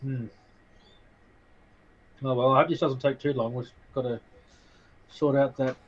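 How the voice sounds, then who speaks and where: A man's voice: medium pitch, level tone, measured pace. Rambling, self-mocking man, dull lo-fi sound. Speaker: player. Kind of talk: in-character tabletop role-play.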